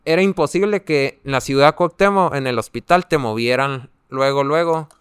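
A young Mexican man with a very smooth, resonant voice recalls his experience as an interview guest. He hesitates often and fills pauses while searching for words. The sound is close and dry. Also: mid-range voice, no room sound. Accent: Mexican Spanish. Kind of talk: personal testimony in an interview.

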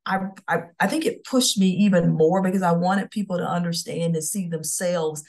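A middle-aged woman from Florida, speaking in a low, gravelly register. She tells her career story as a podcast guest in a confident, motivational way. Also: normal speed, a little mellow. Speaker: guest, CEO. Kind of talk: podcast interview.

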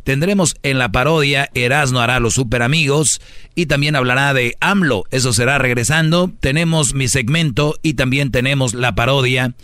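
A man's voice: medium pitch, normal speed, fairly bright tone, dry recording. A man co-hosting a comedy radio show, announcing segments and chatting with the others. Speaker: radio co-host.

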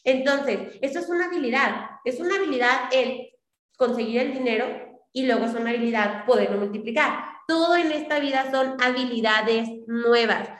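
A woman's voice: on the high side, moderate pace, roomy sound. A young adult woman giving a motivational business talk on a video call, coaching and repeating her points with frequent checks for agreement. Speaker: business team leader.

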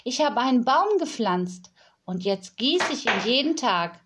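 A woman's voice: a little high, big pitch swings, a little slow, husky, pitched above the performer's own voice, heavily acted. A woman voicing a small girl of about four in a storybook reading, childlike and eager. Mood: proud. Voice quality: bright, childlike.

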